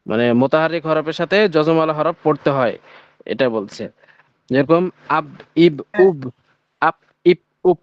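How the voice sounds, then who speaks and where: Slow-reciting male teacher, dull online audio. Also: a little high, clean tone, no echo. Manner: slow drilled recitation of letter names and sounds; patient explaining, checks on students. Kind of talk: online Urdu alphabet lesson. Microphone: video call.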